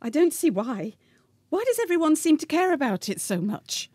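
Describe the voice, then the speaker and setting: A woman's voice: high voice, sing-song, moderate pace, darkish tone, dry recording. An actress playing a fragile, confused woman in her fifties in a period radio drama, plaintive and easily wounded. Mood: wary. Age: 50s. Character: fragile, confused older spinster, touchy and withdrawn. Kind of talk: 1940s-set radio drama acting.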